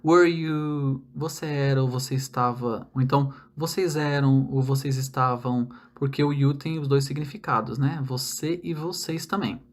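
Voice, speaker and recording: A man's voice: mid-range voice, steady tone, normal speed, hardly any pauses. A young Brazilian man teaching English grammar in an online lesson, explaining step by step and checking in with frequent tag questions.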